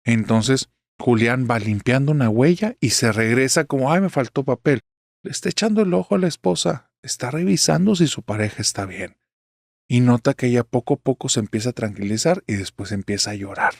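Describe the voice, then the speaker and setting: A man's voice: medium pitch, darkish tone, no room sound, clean studio sound. A man narrating a horror story in a chatty way, speaking straight to the listener. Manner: chatty, addresses the listener directly.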